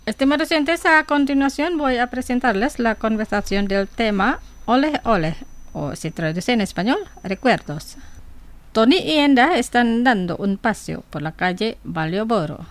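A woman presenting a scripted radio language lesson, speaking slowly and carefully and saying each word twice. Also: fairly high pitch, lively intonation, faint music behind.

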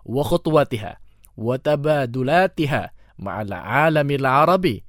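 A man's voice: a little high, dry recording, studio quality. A man presenting a radio programme in formal Standard Arabic, addressing listeners and reading aloud in an announcer's style. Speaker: radio host.

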